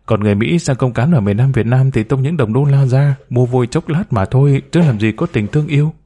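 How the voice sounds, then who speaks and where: A man's voice: mid-range voice, brisk, warm tone, husky, close to an everyday voice. A man voicing a timid, humble woman of about forty who speaks deferentially, hesitant and pleading.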